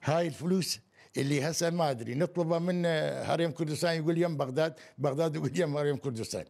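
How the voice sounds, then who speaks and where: A man's voice: a little high, very fast, darkish tone. A man in his seventies from Kurdistan, answering colloquially in an interview. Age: 70s. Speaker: retiree being interviewed. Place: indoor living room. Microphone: handheld interview microphone.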